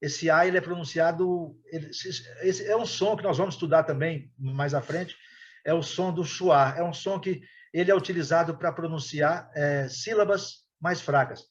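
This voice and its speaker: A man teaching an English class online, explaining slowly with many hesitations and repeated words. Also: a little high, highs cut off.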